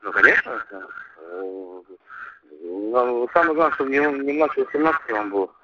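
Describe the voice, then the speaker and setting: A man's voice: mid-range voice, normal speed. Hesitant man on a muffled, noisy landline. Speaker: recruiter taking a phone enquiry. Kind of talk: casual business phone call. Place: on a telephone line. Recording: muffled landline phone call, noisy line.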